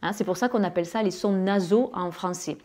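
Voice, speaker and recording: A woman with a southern French accent teaching English pronunciation to French speakers, with many fillers and pauses, who draws out her English example words. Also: medium pitch, a little mellow. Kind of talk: spoken lesson.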